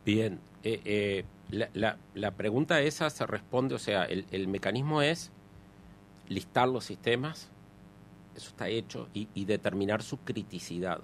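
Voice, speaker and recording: A man's voice: on the low side, lively intonation, unhurried, slight background noise. Hesitant Uruguayan man explaining at length. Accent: Uruguayan Spanish.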